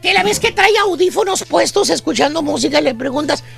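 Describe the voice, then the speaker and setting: Squeaky Mexican man spinning a comic rant. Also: expressive, a little fast, gravelly, a bit bright, faint music behind. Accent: Mexican Spanish. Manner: squeaky, exaggerated storytelling with calls to his "brothers". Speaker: radio comedy host. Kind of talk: comic radio monologue.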